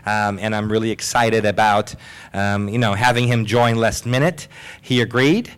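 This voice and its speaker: A man hosts a live panel in front of an audience, trading light jokes and poking fun at himself. His voice has a slight hoarseness, and he talks in a chatty, upbeat way. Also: on the low side, moderate pace. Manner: jokey, lively, self-deprecating. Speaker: host. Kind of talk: live panel show hosting. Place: symposium hall with audience.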